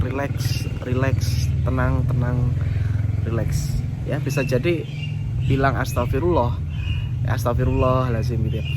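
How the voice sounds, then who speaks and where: Male motivational coach, casual repetitive delivery, mid-high voice, recorded with audible vehicle noise. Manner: repetitive coaching, addresses viewers directly. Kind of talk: casual self-help talk. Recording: clear background noise with passing vehicles.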